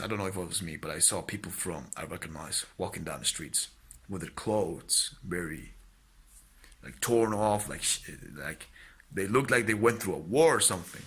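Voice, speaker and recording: A young man from Spain with an American accent, earnestly recounting dreams and exhorting listeners, halting at times before rising into fervent blessings. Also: deep voice, fairly bright tone, slightly rough. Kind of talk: personal testimony and exhortation.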